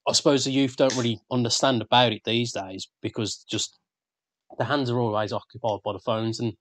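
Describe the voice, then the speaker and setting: A man's voice: mid-range voice, steady tone, brisk, a little hiss or hum. A man, co-hosting a podcast in casual banter, rambling and swearing freely. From England. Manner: sweary, rambling, laughs often. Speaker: podcast co-host.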